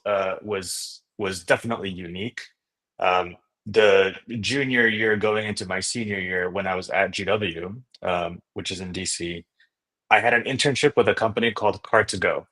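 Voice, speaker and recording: Fairly low in pitch and moderately paced, this Indonesian man's voice has a bright, forceful tone. A native Indonesian speaker, he appears as a podcast guest, a startup founder and investor, recounting his story with enthusiasm in a relaxed interview and frequently adding "you know" or "right?".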